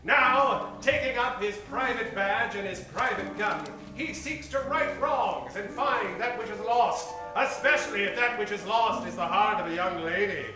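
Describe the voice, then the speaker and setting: A man hosts and narrates a radio comedy show as a live stage performance in a roomy space, using a grandiose, dramatic old-time announcer style. His voice is high, measured in pace, with hardly any pauses. The recording sounds echoey and distant, with music behind him.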